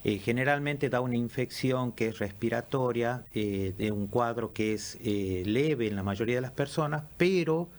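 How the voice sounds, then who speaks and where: Guy, doctor on a radio interview, calm explaining, lots of "eh" and "este". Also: mid-range voice. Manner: measured explanatory, frequent "eh" and "este" fillers. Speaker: pulmonologist guest.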